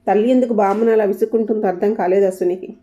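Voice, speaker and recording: A woman narrating a story in a calm, steady storytelling manner. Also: mid-range voice, very fast. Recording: dull lo-fi recording.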